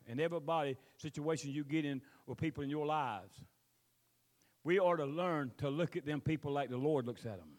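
A man's voice: a little high, fairly quick, a little mellow. A man with a Southern US accent preaching as a pastor, folksy and rambling, drawling out scripture phrases. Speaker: pastor preaching to his congregation. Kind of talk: sermon, mixing scripture reading with plain exhortation.

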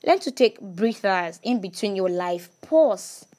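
A woman's voice: mid-range voice, moderate pace, darkish tone. A woman giving a casual faith talk to her viewers, emphatic, repeating words and asking rhetorical questions.

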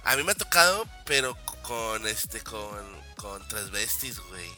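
A man's voice: lowish voice, very animated, unhurried, sharp tone, soft background music. A young Mexican man in casual chat, joking crudely and talking in heavy slang.

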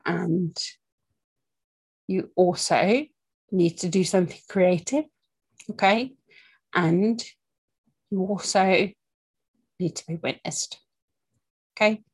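A woman working as a breathing coach, talking candidly and informally to camera in a deliberate, halting way with long pauses, often checking in with the listener. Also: on the low side, fairly even intonation, darkish tone, breathy edge. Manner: candid, conversational, checks in with okay and yeah. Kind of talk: informal spoken talk to camera about anxiety and breathing.

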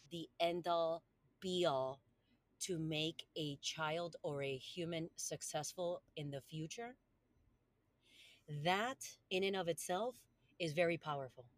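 A Colombian woman, a native Spanish speaker, talks earnestly and encouragingly as a guest on a podcast interview. Her voice sits low, with no room sound.

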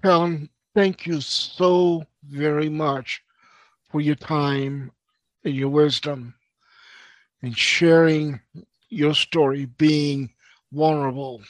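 A man hosting a podcast, asking questions and thanking his guest in a slow, deliberate way. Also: on the high side, fairly even intonation, no echo. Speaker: podcast host. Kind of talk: interview hosting.

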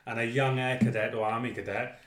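A man's voice: medium pitch, flat delivery, brisk, roomy sound, noisy background. A man co-hosting a club podcast, talking in a chatty, jokey way. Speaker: podcast co-host. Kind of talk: casual chat.

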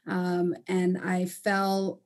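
A woman's voice: lowish voice, completely flat delivery, very slow. A woman from Panama and Costa Rica, a native Spanish speaker, talking candidly as an interview guest with frequent fillers. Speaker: construction company owner, guest. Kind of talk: casual interview.

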